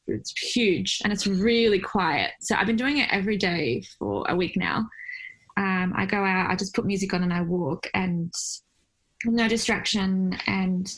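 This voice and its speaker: A woman from Iraq, speaking as a photographer guest at a medium pitch. She talks through her answers in a chatty, reflective way, full of fillers and quick laughs. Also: fairly bright tone, poor audio. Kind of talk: casual interview chat.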